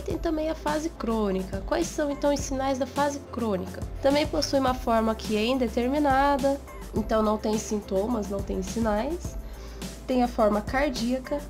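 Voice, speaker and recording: High, nasal Brazilian woman teaching a lesson. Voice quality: nasal, congested. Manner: didactic, poses questions then answers them. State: has a cold. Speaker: teacher hosting a video lesson series. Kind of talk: explanatory biology lecture. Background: music.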